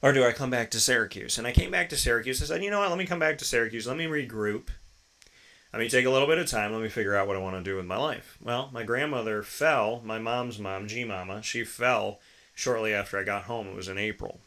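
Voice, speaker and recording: Hosting a show, an American man in his thirties gives an emphatic, motivational monologue about himself. His mid-range voice is quick and sharp, and he leans on repetition and rhetorical questions.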